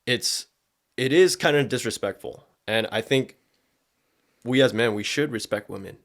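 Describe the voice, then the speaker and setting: This podcast host is a man with a mid-range voice at a normal speed, giving casual, opinionated takes in slangy speech heavy with profanity.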